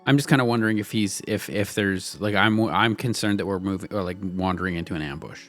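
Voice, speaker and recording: A man's voice: deep voice, fast talker, fairly bright tone, soft background music. A man playing a tabletop role-playing game, casually asking questions with hesitant repetitions. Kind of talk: casual in-character game play.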